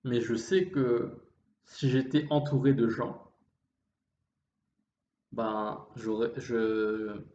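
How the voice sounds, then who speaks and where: A man talks introspectively at a slow, halting pace, breaking off and restarting phrases. His voice is slightly effeminate and refined in phrasing. The recording is dull and roomy, with faint noise behind him. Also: mid-range voice, level tone, dark tone. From Réunion. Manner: halting, with repeated false starts and trailing phrases; refined way of speaking. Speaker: vlogger. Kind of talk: introspective monologue.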